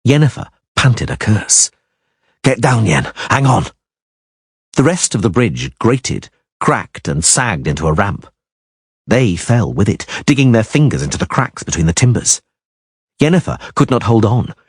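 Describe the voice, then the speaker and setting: A man's voice: lowish voice, sing-song, moderate pace, slightly rough, no echo, studio quality. A man reading a fantasy audiobook aloud in dramatic narration, leaning hard on action words. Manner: emphatic, swelling on action words.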